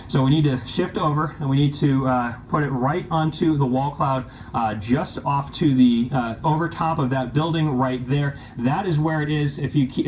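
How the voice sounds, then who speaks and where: A man's voice: mid-range voice, slight background noise, rough recording. A man doing live storm commentary as a weather forecaster, insistently repeating his instructions.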